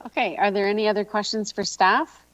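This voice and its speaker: A woman chairs a formal committee meeting, moving through procedure in a mid-pitched voice. The sound is very dry and somewhat dull. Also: fairly even intonation, brisk, no room sound.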